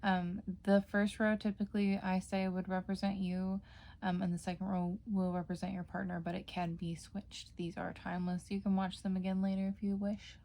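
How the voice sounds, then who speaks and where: A woman's voice: mid-range voice, little pitch movement, moderate pace, dark tone. A woman giving a casual tarot reading, chatty, with frequent fillers and self-corrections. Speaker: tarot reader.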